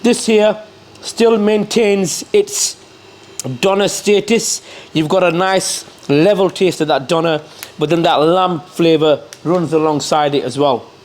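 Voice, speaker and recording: A man's voice: a little high, steady tone, measured pace, darkish tone. A man giving a casual food review to camera, talking between bites and chatting to his cameraman. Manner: repeats catchphrases and addresses the cameraman. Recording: clear background noise.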